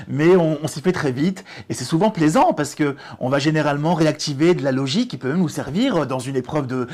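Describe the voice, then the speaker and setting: A middle-aged man, a test-prep director and author, explaining exam strategy in an interview with frequent restarts and lively emphasis. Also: on the high side.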